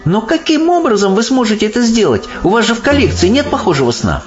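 Man doing a squeaky spirited little girl, keen and indignant, lo-fi audiobook with faint music. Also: very animated. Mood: eager. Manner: quick to protest, eager. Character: brave, indignant young orphan girl.

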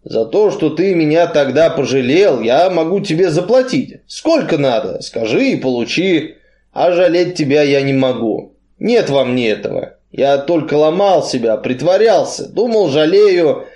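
A big, gloomy strongman with a muffled, blunt way of speaking, voiced by a man reading aloud. He talks slowly and heavily, and his voice sits a touch high. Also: animated, dark tone. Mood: grim. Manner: muffled, blunt, slow and heavy.

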